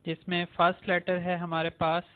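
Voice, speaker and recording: A man teaching a beginner language lesson, saying each letter slowly and repeating it several times. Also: high voice, monotone. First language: Urdu. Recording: tinny phone-like sound.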